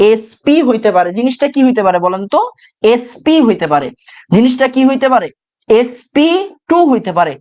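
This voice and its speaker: A male chemistry teacher, giving an exam-prep lecture. He repeats key phrases over and over, asking questions and answering them himself. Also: very high voice. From Bangladesh.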